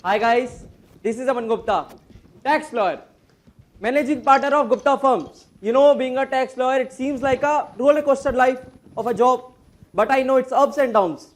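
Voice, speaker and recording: Guy acting a frazzled indian tax lawyer, higher voice, ranting fast and anxious. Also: heavily acted. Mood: boastful. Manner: rapid agitated outbursts, mixes Hindi and English. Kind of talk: stage drama acting.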